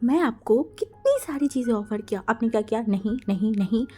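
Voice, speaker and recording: A woman voicing a shy, easily embarrassed young woman who stammers and gets excitable. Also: a little high, fairly quick, lightly acted. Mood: frustrated.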